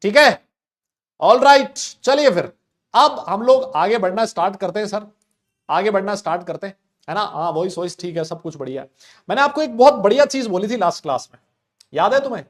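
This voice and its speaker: Loud high-voiced male chemistry teacher. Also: animated, brisk. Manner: loud, talks to students, voices their questions back. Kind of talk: live online class lecture. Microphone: desk mic with level meter.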